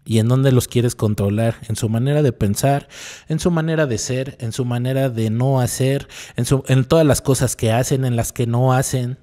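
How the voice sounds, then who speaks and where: A male psychologist offers a reflective radio talk in a warm, medium-pitched voice with fairly even intonation at normal speed. His style leans on rhetorical questions to the listener, repeated key phrases and a habitual "¿no?"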